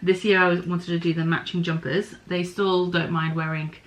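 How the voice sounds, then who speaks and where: A woman's voice: lowish voice, little pitch movement, normal speed, rough recording. Chatty woman musing over her crafts. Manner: chatty and musing, thinking aloud with small apologies. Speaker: podcast host. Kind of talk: casual chat about knitting and spinning.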